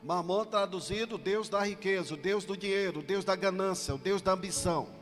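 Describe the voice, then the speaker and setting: High-voiced man preaching in a church. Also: fairly quick, fairly bright tone. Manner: commanding, calls on the congregation. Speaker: pastor. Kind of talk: sermon. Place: church hall. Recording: reverberant church hall with music. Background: music.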